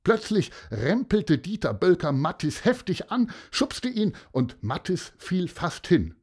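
A man narrating a children's audio story in a measured, expressive way. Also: sits high, husky.

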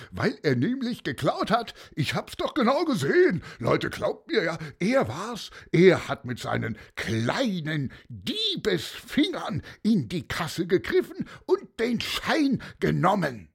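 A man voicing a spiteful, loud cotton-candy seller who accuses a child with mocking laughs. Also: high-pitched, huge pitch swings, slow pace, gravelly, slightly rough, voice pushed up, heavily acted. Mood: sneering.

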